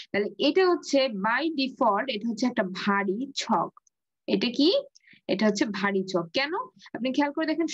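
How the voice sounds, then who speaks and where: A woman's voice: high-pitched, no echo, highs cut off. A woman teacher with a Bangladeshi Bengali accent giving an online grammar lesson, patiently repeating key words and answering her own questions. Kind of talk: online class lecture.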